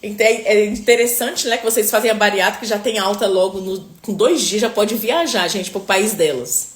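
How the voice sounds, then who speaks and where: A woman's voice: medium pitch, a little fast. A nutritionist woman chatting on a live stream, answering viewers and often tagging sentences with "tá?" and "né?", with religious blessings mixed in. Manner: chatty, peppers speech with "tá?" and "né?". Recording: roomy, echoey room.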